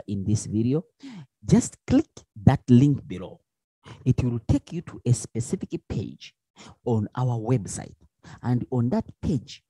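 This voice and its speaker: A man's voice: mid-range voice, dry recording. A man teaching a lesson, asking questions and answering them himself, with many restarts. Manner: lively, with many restarts and fillers. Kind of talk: explanatory lesson.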